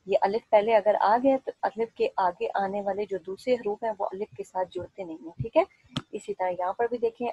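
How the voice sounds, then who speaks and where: A woman teacher giving an Urdu alphabet lesson to young children, slowly repeating each letter sound and example word. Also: medium pitch, warm tone, no room sound, highs cut off. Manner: slow, clear, repetitive drilling of sounds.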